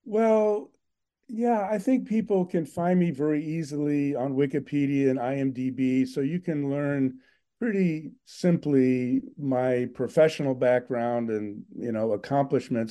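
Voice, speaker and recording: A man's voice: medium pitch, mellow. An older man, a filmmaker guest, speaking thoughtfully and earnestly in an interview, with frequent fillers. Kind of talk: reflective interview talk.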